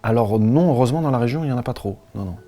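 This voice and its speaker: A man playing a solemn, awkward doctor who gives grave news in a deadpan, hesitant comedy-sketch delivery. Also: mid-range voice, racing, close to an everyday voice. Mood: troubled.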